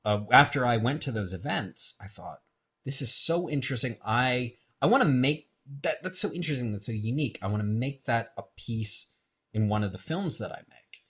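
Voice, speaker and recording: A man's voice: mid-range voice, animated, moderate pace, a bit bright, breathy edge. A man, a filmmaker guest, talking in a casual interview, often hesitating and repeating words. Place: radio show studio.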